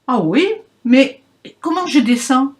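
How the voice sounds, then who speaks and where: A fat, bragging pig from a children's storybook, put on by a woman. He snaps and shouts his boasts at a slow pace, in a fairly high voice. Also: lively intonation. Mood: puzzled. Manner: boastful, snappish.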